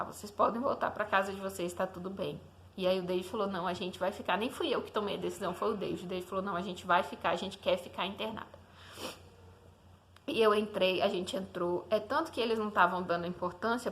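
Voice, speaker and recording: A young mother tells the story of her newborn son as a casual faith testimony, addressing the listener directly in a conversational way and often asking "né?". Her voice is medium-pitched and a bit bright.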